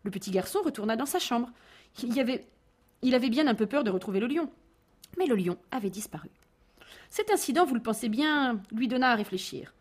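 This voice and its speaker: Woman, storyteller, children's tale, expressive, husky breathy tone. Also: fairly high pitch, brisk. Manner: expressive, animated narration with dramatic shifts. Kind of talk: reading a children's tale aloud.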